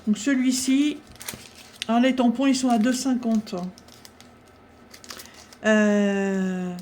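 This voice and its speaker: A woman chatting casually through a craft-supply haul, talking with many pauses and fillers. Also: a little high, fairly even intonation, darkish tone, a little hiss or hum.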